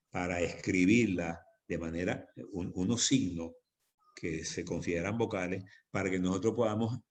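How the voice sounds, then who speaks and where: A man's voice: fairly low pitch, a little mellow. A man preaching as pastor in a church, teaching on prayer with emphatic repetition. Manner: emphatic, repeats phrases for stress.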